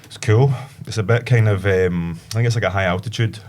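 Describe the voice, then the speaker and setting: A man chatting as a podcast guest. His voice is very deep, and he rambles loosely, stopping often to search for words. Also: brisk, a little mellow, slight background noise. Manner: rambling, easygoing, many fillers. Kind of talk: casual chat.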